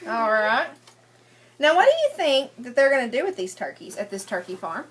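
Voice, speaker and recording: A teacher reads a picture book to young children, asking questions and repeating their answers back to prompt them along. Her voice is on the high side and very animated, at a normal speed, in an interactive read-aloud lesson with explanations.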